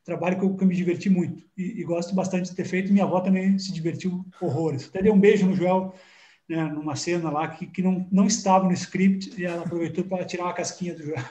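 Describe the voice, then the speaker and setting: High-voiced Brazilian man telling stories. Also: fast talker, roomy sound, lo-fi sound. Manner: rambling, repeats words, animated storytelling. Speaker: guest filmmaker. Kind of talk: casual interview chat.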